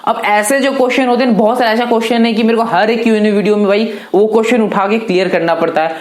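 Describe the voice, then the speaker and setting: A man's voice: sits high, steady tone, fast. Chatty 18-year-old man in echoey room. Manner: chatty, loose, keeps calling viewers brother. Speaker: YouTuber answering viewer questions. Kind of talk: casual Q&A vlog.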